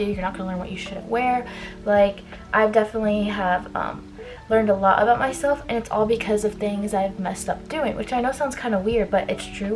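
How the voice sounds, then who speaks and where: Young woman chatting casually, slightly high voice, music behind. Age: young adult. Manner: chatty, informal, frequent "like" and trailing asides. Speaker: beauty vlogger giving college advice. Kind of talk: casual get-ready-with-me chit chat while doing makeup.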